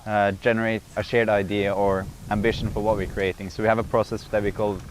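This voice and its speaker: A man with a Norwegian accent and a fairly low voice. He explains an architectural process in a plain, step-by-step way, speaking as if in a documentary interview. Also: level tone, a little fast, a little hiss or hum. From Norway.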